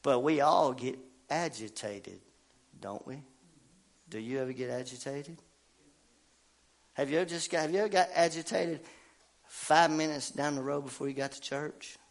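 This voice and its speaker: An older man preaching a sermon in a folksy, animated way, dropping low and quiet, then rising to loud calls. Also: moderate pace, creaky, long pauses.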